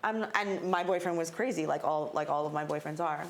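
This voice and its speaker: Candid woman telling a story, low voice. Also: brisk, slight background noise. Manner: candid storytelling, swears freely. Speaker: guest. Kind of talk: casual chat.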